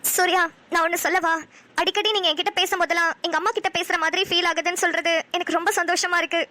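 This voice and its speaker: A woman voicing a gentle comforting businesswoman. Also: very high voice, steady tone, quick pace, dry recording. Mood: caring, concerned. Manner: soft, soothing, caring. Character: kind young businesswoman, gentle comforting friend. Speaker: cartoon voice actor. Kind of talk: Tamil cartoon dialogue.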